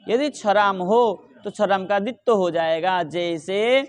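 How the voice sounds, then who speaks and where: Man, middle-aged, grammar teacher, poses questions and answers them, recites rules slowly. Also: high voice, smooth. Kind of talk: explaining grammar rules in a lesson.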